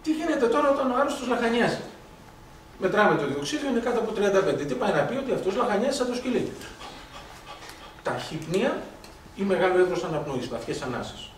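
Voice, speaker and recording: Male medical lecturer, animated and high-pitched, distant mic with faint noise. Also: pauses often. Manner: animated storytelling, acts out dialogue, rhetorical questions. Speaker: doctor lecturing on blood gases. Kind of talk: lively medical lecture with anecdotes. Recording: echoey hall from far off, faint noise.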